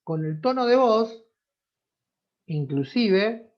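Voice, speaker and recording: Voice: mid-range voice, animated, takes it slowly. A teacher with a Rioplatense Spanish accent giving an online class in a conversational way, often checking in with the students. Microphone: computer mic on a video call. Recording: dull lo-fi video-call audio.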